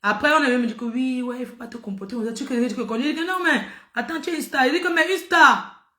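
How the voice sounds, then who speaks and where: A middle-aged woman talks straight to her viewers, telling a story in an animated, emphatic way and hammering her points home by repeating them. Her voice sits high and sounds bright and forceful. The recording has a noticeable roomy echo. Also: brisk. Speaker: social media personality.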